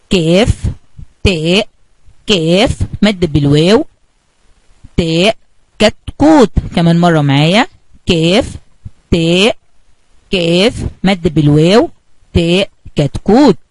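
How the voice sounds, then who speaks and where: A woman's voice: lowish voice, no room sound, low-quality recording. A woman with an Egyptian Arabic accent teaching a kindergarten spelling lesson, asking the children questions and answering them herself.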